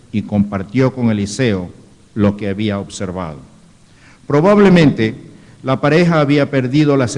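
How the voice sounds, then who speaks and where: Preaching from a church hall whose echo fills the live stream, an Ecuadorian pastor reads scripture and breaks in with rhetorical asides as he teaches. His voice is medium in pitch and a little mellow.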